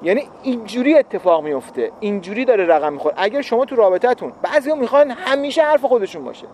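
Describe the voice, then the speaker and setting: Brief: man, high tenor, casual reflective talk to camera, faint hum behind. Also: lively intonation, a little mellow. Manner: reflective, explanatory, repeats for emphasis. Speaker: husband explaining relationship advice.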